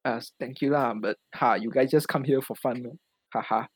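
A man's voice: medium pitch, steady tone, moderate pace, slightly rough, dry recording. Young male podcast host, Singaporean, casual Singlish, slightly muddy and dry recording. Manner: colloquial Singlish with particles like lah and ah.

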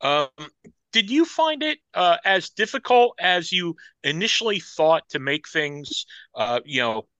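Bright, distant co-host man asking questions. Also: high-pitched, very animated, unhurried, smooth, dry recording, highs cut off. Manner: questioning with many uh. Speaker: podcast co-host. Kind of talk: casual podcast chat.

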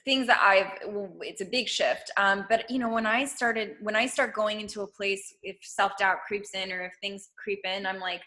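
A woman's voice: medium pitch, steady tone, moderate pace, few pauses, pushed and bright. A woman guest on a podcast talking casually and earnestly about spirituality, with many fillers and restarts. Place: at home.

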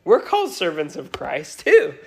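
A man's voice: a little high, wildly swooping pitch, moderate pace, creaky, husky. A pastor giving a Sunday sermon, his voice nasal today, speaking earnestly with frequent restarts. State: nasal from a cold.

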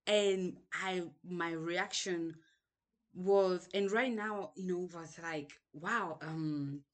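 A young woman from Cameroon with a Cameroonian accent, reflecting on her past in a hesitant monologue full of restarts and ums. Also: lowish voice. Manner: hesitant, restarts sentences often, many ums. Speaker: podcast host.

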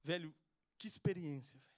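A man's voice: fairly high pitch, a little fast. A young man with a Brazilian Portuguese accent, preaching and telling a personal testimony in a casual, slangy way. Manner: casual slangy storytelling, says "velho" a lot. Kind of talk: testimony sermon.

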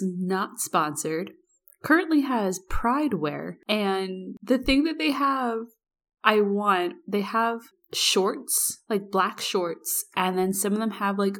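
A woman co-hosting a podcast in casual comedic chat, teasing and slipping into little imagined dialogues. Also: mid-range voice. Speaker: podcast co-host.

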